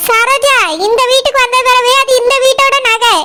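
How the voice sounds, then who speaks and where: A woman voicing a shrill stern household matron. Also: level tone, moderate pace. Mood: scolding. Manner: scolding, firm. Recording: loud background noise.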